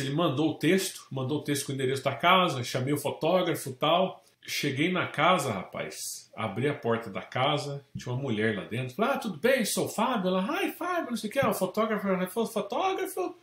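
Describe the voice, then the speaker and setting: A Brazilian man, a real estate agent, telling lively stories in a casual interview and acting out the people in them. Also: medium pitch, fast, hardly any pauses. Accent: Brazilian Portuguese. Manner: animated anecdotes, acts out quoted people. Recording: echoey room.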